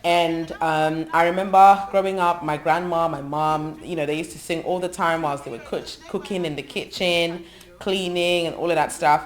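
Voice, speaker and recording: Music runs under this interview, where an English woman in her thirties who sings gospel speaks thoughtfully about her life. Her low voice keeps a steady tone at a moderate pace, and she lists things, often saying um.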